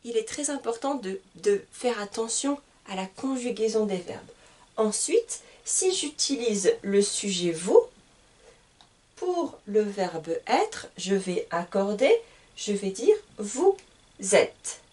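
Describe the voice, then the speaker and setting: A woman from France teaching a beginner French lesson, speaking slowly and deliberately and repeating each example question. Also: medium pitch, sing-song, a little mellow, far from the mic. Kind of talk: slow, deliberate language lesson.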